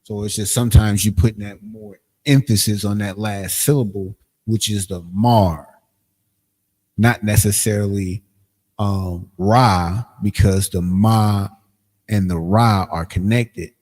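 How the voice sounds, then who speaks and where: A man teaching a livestreamed language class, explaining in a casual, halting way with frequent pauses and ums. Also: lowish voice, fairly even intonation, a little mellow. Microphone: streaming setup, screen sharing.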